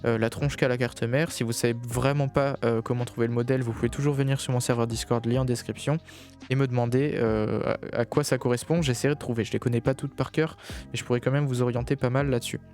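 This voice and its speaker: A man walks viewers through computer steps in a loose, conversational way, often pausing on filler sounds. His pitch sits in an ordinary middle range, and soft music plays faintly underneath. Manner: relaxed, chatty, many filler hesitations. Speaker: PC hardware tutorial host. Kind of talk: casual screen-recorded tutorial.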